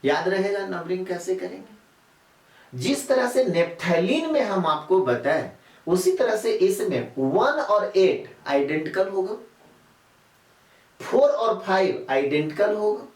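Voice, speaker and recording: A male teacher gives a classroom chemistry lecture, repeating himself and quizzing students with rhetorical questions. His voice is high with big pitch swings and a slightly slow pace, picked up by a distant mic in an echoey room.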